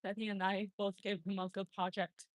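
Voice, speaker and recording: A woman's voice: medium pitch, level tone, fairly quick, dry recording, studio quality. A woman in casual chat, telling a story and mimicking the people she quotes.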